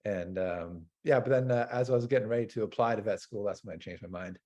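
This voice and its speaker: A man's voice: lowish voice, quick pace, a little mellow, dull audio. A man from North America, a dairy farmer hosting an interview, talking in a hesitant, rambling way with lots of fillers. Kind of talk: casual interview chat.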